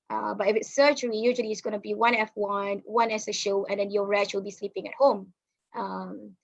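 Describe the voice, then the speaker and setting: A young woman doctor giving an informal webinar talk, halting with many fillers and restarts, recorded on a computer mic during a video call. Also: mid-range voice, a bit bright. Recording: slightly dull lo-fi webinar audio.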